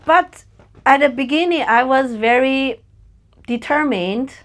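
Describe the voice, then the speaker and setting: As a podcast guest in a personal interview, a native Chinese speaker from China talks slowly in a high-pitched voice with a Chinese accent. She sounds hesitant, searching for the right words and using lots of fillers.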